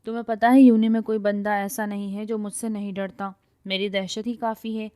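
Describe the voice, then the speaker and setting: A hot-tempered young university woman barks orders and picks fights in a loud, quarrelsome voice. A woman reader acts her out in a storybook reading. She brags and scolds without letting up. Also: medium pitch, flat delivery, natural voice. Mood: bossy.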